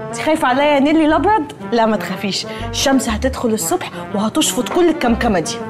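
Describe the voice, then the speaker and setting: A bossy sharp-tongued Egyptian sister. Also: female voice, high voice, animated, over music. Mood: bickering. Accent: Egyptian Arabic. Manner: quick sarcastic bickering. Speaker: sitcom character. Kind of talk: sitcom acting.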